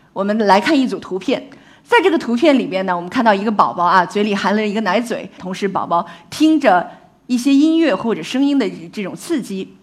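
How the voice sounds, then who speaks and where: Speaking with a medium-pitched voice, a woman scientist presents a public talk on infant language acquisition. She keeps it lively and engaging, regularly asking the audience questions.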